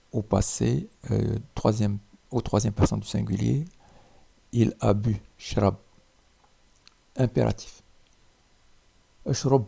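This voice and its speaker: A man teaching a spoken language lesson, repeating each word slowly with pauses. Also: on the low side, creaky, dark tone, breathy edge.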